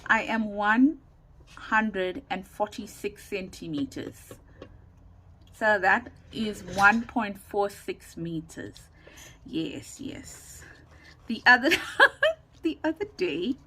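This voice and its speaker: At her home craft desk indoors, a woman hosts a craft tutorial, chatting casually and thinking aloud as she rambles in a loud, carrying mid-range voice. It's recorded on a camera or phone with no separate microphone, in a noisy room.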